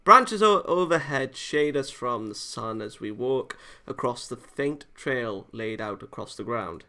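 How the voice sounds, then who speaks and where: A man with a medium-pitched, expressive voice and a sharp tone reads a visual novel aloud at a measured pace for a let's play. He stumbles over lines now and then and casually tosses in sweary asides.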